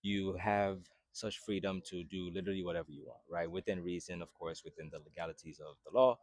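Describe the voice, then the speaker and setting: A man's voice: sits low, fairly even intonation, fairly quick, darkish tone, dry recording, studio quality. A man in his twenties, originally from Haiti, talking casually to camera as a fitness vlogger and often checking in with "right?". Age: 20s. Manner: conversational, repeats "right?" often. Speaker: fitness vlogger and personal trainer.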